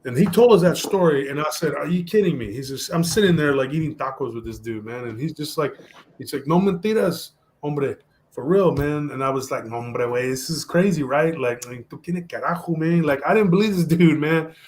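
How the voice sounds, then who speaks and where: A man telling a story on a podcast in a casual, animated way, mixing Spanish slang into his talk. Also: a little high, brisk, slight background noise. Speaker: podcast guest.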